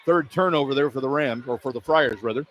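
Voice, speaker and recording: Courtside in a basketball arena, a man gives live radio play-by-play in short, running phrases. He speaks a little fast at a medium pitch with a fairly bright tone, and the poor-quality audio carries clear arena ambience.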